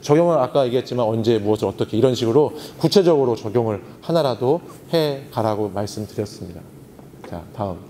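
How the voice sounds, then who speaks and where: A man's voice: medium pitch, animated, fast, mellow, slight background noise. A male pastor giving a seminar talk on Bible meditation in a teacherly way, often asking the audience questions and answering them himself. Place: church hall at a youth retreat. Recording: long hall reverb, faint ambience.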